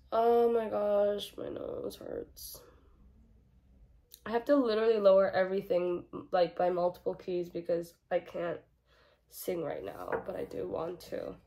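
A woman's voice: mid-range voice, steady tone, moderate pace, mellow. A young woman vlogging casually from her bedroom while sick, with a stuffed-up nose and a rambling, filler-heavy way of talking. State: congested from a cold. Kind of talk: casual vlog chat. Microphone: camera mic in a bedroom. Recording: guitar music behind the voice.

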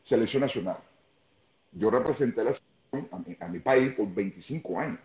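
A man in his fifties with a Venezuelan Spanish accent chats as a guest on a video call, speaking earnestly and emphatically and repeating words as he starts. His mid-range voice is gravelly and darkish, fairly quick, with lively intonation. He wears headphones, and the lo-fi audio sounds echoey and dull.

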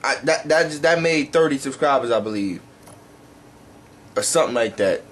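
A man's voice: medium pitch, expressive, moderate pace, slight background noise. A young man rambling casually in a vlog, talking while eating and swearing offhandedly. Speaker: YouTuber.

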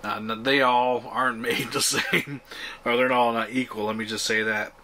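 Relaxed, chatty man camping on a boat. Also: medium pitch, normal speed, a little hiss or hum. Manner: relaxed, chatty, many "uh" fillers. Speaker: outdoor vlogger. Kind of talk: casual camping vlog talk. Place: enclosed pontoon boat on the water, outdoors.

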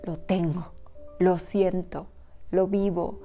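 A woman's voice: lowish voice, fairly even intonation, takes it slowly, warm tone, faint music behind. A woman vlogger telling her own story straight to the camera, earnest and personal, speaking directly to her viewers. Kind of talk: personal confessional talk to camera.

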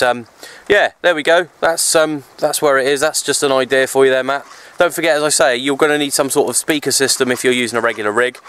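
This radio hobbyist's voice is medium-pitched, fairly bright, clear and resonant as he chats easily through a rambling vlog. He's outdoors in open parkland on a windy day, and the handheld camera at arm's length picks up plenty of wind noise.

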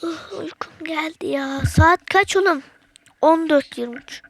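A woman's voice: high-pitched, measured pace, vocal fry. A woman giving casual, slangy gameplay commentary to her viewers, with sudden frustrated outbursts. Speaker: gaming channel host.

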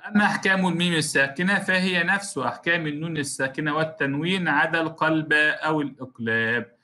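A man's voice: fairly high pitch, fast, bright, forceful tone. A man teaching a recorded lesson on Quran recitation rules, explaining step by step, repeating key terms and speaking straight to his students. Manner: addresses students directly as a class.

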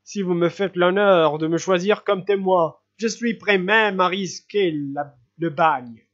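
Reader as fawning male officer, earnest, self-important, unhurried, dull lo-fi recording. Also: mid-range voice, natural voice. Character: eager, fawning male officer volunteering as second.

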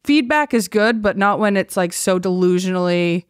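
A woman's voice: mid-range voice, animated, moderate pace, clear, resonant tone, dry recording, clean studio sound. Slangy young Boston woman. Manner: slangy, laughs often, heavy use of "like" and "dude". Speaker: podcast guest. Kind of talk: casual podcast chat.

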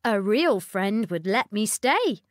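A woman voicing a small talking frog from a storybook, calm and persistent, in a slow, lively read in a dry room. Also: medium pitch, no echo. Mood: insistent. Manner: calm, reasonable, insistent.

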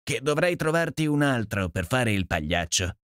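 A man's voice: medium pitch, very animated, normal speed, a bit bright, clean tone, dry recording, clean studio sound. A man reading an audiobook and voicing a stiff, sarcastic elderly millionaire who speaks with magisterial dignity. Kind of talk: audiobook character voice.

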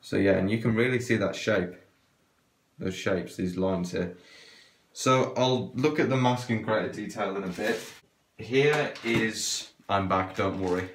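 A man's voice: on the low side, a little slow, a little hiss or hum. A man talking through a cloth mask, giving a casual, chatty unboxing review with many fillers. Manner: chatty, hesitant, trails off with fillers. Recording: echoey room.

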